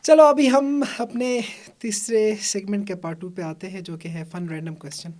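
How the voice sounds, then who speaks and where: A man's voice: high-pitched, steady tone, a little mellow. A man hosting a casual podcast interview, chatty and mixing English words into his questions. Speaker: podcast host.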